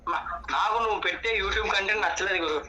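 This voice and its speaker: A taunting caller dodges every question with crude jabs, in a high voice that rattles along at great speed. A very loud crowd fills the line behind him. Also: male voice, quick pace. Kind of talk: provocative phone call. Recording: phone call with very loud crowd noise.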